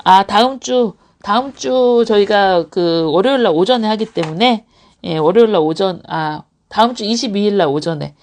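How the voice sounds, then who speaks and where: A woman who runs an English academy talks casually to parents on a live stream, answering their questions. Her voice is medium-pitched and a little mellow, at a moderate pace, and she laughs often while acting out examples.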